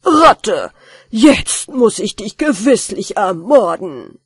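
A woman's voice: medium pitch, lively intonation, very slow, creaky, warm tone, husky, dry recording, studio quality, full character voice. A woman voicing an angry, blustering male house owner who bellows threats in a storybook. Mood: furious.

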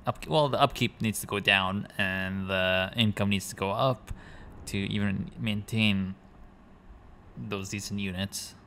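A man's voice: lowish voice, steady tone, measured pace, creaky, bright, forceful tone, a little hiss or hum. A man giving rambling gameplay commentary, thinking aloud and correcting himself as he goes. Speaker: gaming commentator.

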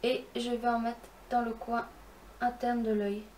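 A young woman hosts a casual makeup tutorial, explaining each step as she goes. Her voice sits slightly high, and she talks in a chatty, instructive way with self-deprecating asides. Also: flat delivery, unhurried, a little mellow, a little hiss or hum. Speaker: beauty vlogger.

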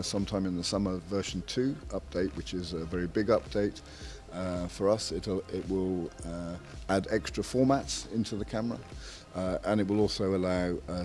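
Brief: deep-voiced male spokesman, measured and hesitant. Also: a little mellow. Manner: measured, frequent "uh" pauses between phrases. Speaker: camera maker's representative. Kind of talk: technical product interview.

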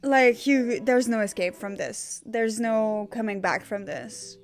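Slow-talking Quebec woman reacting profanely. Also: fairly high pitch, soft background music. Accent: Quebec French Canadian. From Quebec, Canada. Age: 20s. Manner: loud, profane, laughing. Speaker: movie reaction host. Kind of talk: casual movie reaction commentary.

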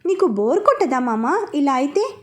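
A cheeky young man jokes and pokes fun with a playful grin in his voice, as a woman reads him. He is a teasing sidekick in a storybook, voiced high. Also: big pitch swings, normal speed.

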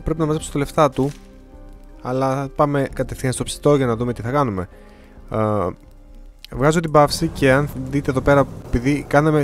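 Chatty man commenting on a game. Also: medium pitch. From Greece. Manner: chatty, reads in-game dialogue aloud in varied voices. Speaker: gameplay commentator. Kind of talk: casual let's-play commentary.

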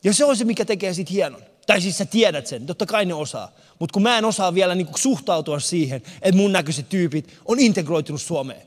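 Male stand-up comic, high voice, performs stories in character, empty concert hall with long echo. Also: lively intonation, few pauses. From abroad, moved to Finland in 1991. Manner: storytelling, acts out characters' lines. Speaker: stand-up comedian. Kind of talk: stand-up comedy. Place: large concert hall with no audience.

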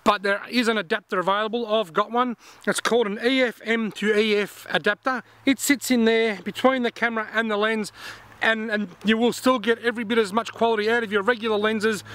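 A man's voice: high voice, fairly even intonation, brisk, a bit bright, dry recording. A man, chatting outdoors in bushland as he reviews a camera, explaining step by step into a camera-mounted mic. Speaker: fishing vlogger reviewing a camera. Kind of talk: casual product review to camera. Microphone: camera-mounted shotgun mic.

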